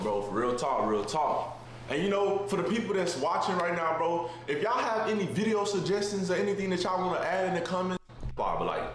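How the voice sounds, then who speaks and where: A man's voice: fairly high pitch, fairly bright tone. A man in his twenties chatting casually in a living room, laid back and full of slang, saying "bro" at the end of lines. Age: 20s. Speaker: basketball player. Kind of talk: casual vlog chat. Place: living room with kitchen behind. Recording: very echoey room, faint hiss.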